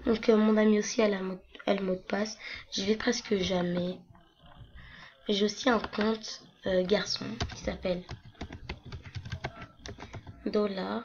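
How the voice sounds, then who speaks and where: Young woman, hoarse voice, casual rambling vlogger, muffled home computer mic with faint noise. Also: mid-range voice, level tone, a little slow, pauses often, darkish tone. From France. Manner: chatty, rambling with many fillers. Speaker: gaming vlogger. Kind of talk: casual screen-recording walkthrough.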